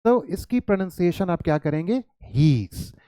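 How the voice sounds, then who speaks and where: Indian man teaching English, warm dry voice. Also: a little high, expressive, unhurried, dry recording. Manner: coaxing, questions to students, calls them "child"; mixes Hindi and English. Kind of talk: online English lesson.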